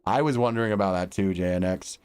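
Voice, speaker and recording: This livestreamer reads a visual novel aloud in dramatic narration, mixing in casual stream chat, his deep, darkish voice clear and resonant. When reading he is measured and deliberate like a storyteller. Long reverb and background music fill the recording.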